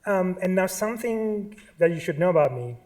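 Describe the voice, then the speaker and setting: Speaking at a museum artist talk, this Pakistani-accented man has a high, animated voice with a darkish tone and moderate pace. Nerves show throughout in constant fillers, false starts and side remarks.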